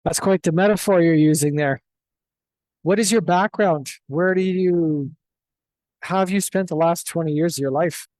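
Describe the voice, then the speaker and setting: A man hosting an interview, asking quick, direct questions. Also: on the high side, a little mellow, dry recording. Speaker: host.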